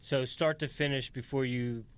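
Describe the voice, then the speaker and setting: A man's voice: medium pitch, steady tone, normal speed, clean tone. A man hosting a podcast, prompting his guest with brief questions. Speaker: podcast host. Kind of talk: casual interview questions.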